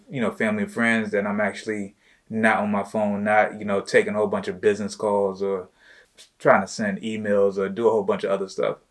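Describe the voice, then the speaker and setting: A man hosting a casual chat with his wife, talking loosely and informally with plenty of "you know" and "like" fillers. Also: on the low side. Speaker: host, entrepreneur.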